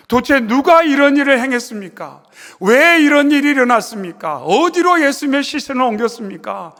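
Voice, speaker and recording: Male pastor, high voice, dramatic sermon with loud peaks and hushed drops, long church-hall reverb. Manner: dramatic, swings from loud pleading questions to hushed low endings. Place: church sanctuary.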